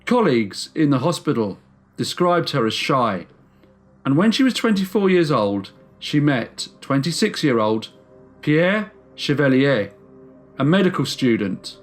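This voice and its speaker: Male host reading a true crime story, steady mid-range voice, slows down to stress key words. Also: medium pitch, faint music behind. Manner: measured storytelling with slow emphatic stresses. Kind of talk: scripted true crime narration.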